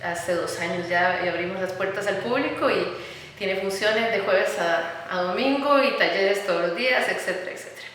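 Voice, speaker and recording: A middle-aged woman with a Costa Rican Spanish accent talks about her work in an earnest, halting way, full of fillers and repeated phrases. Her voice sits at a medium pitch. She sounds far from the mic, with strong room echo and a long reverb tail. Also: slight background noise. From Costa Rica. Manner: earnest, warm about children, many fillers and repeated words. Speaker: architect and educator, interview guest. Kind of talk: conversational interview. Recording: echoey room, recorded from some distance.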